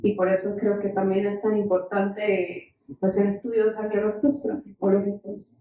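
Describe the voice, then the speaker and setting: Female researcher, soft dark timbre, explanatory seminar talk, heard off-mic. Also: medium pitch, little pitch movement, moderate pace. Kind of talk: explanatory academic discussion. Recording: very echoey, distant microphone.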